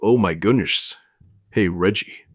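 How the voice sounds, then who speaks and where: A man putting on a loud, deadpan impression of a gruff middle-aged male chemistry teacher, run through a voice conversion filter. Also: low voice, no room sound, clean studio sound, voice pushed down. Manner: loud, bellowing, drawn-out deadpan delivery. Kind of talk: comedic impression for an animation bit.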